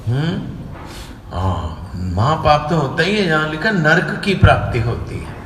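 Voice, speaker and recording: A man's voice: a little high, big pitch swings, a little slow, a bit bright. A man with a Punjabi Hindi accent giving a devotional discourse, telling stories and acting out the voices of the people in them. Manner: storytelling, acts out quoted voices. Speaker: speaker giving a religious discourse. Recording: echoey hall, distant mic, faint hiss.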